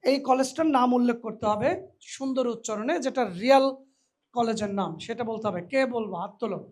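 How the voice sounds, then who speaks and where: A man teaching English pronunciation to new college students in a hall, lively and teasing, slipping English phrases into his talk. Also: very high voice, quick pace. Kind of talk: lively classroom lecture with a live audience.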